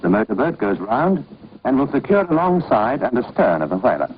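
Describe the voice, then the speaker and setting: With huge pitch swings and a slightly fast delivery, a medium-pitched male narrator reads a scripted training film in an authoritative, formal, instructive way. The soundtrack is an old, muffled and noisy one.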